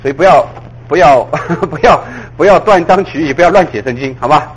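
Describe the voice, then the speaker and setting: A man preaching a sermon in a lively way. He fires off rhetorical questions at his listeners and often chuckles at his own points. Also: a little high, fairly quick, poor audio.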